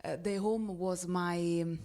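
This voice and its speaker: A woman actress whose first language is Italian, answering interview questions in halting English with many pauses and fillers. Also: fairly low pitch, fairly even intonation, warm tone.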